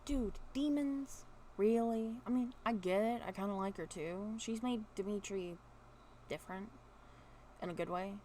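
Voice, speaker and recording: A woman's voice: medium pitch, measured pace, warm tone, slight background noise, lightly acted. A woman reading a storybook voices a skeptical teenage boy twin who speaks in casual, questioning talk. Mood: doubtful.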